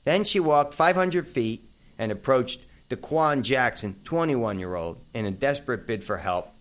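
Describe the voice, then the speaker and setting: A man's voice: mid-range voice, moderate pace. A man in his fifties with a New York accent, hosting a casual talk radio show and chatting brashly with listeners. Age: 50s. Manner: brash and animated, addressing listeners as folks. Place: radio studio.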